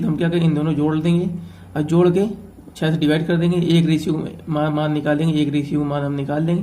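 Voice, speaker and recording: A man teaches an exam-prep math lesson. His voice sits a little high and stays flat in tone, with a mellow, dark color. He talks it through step by step and keeps checking in with his students. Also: a little hiss or hum. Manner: explains step by step, often checking with "ठीक है".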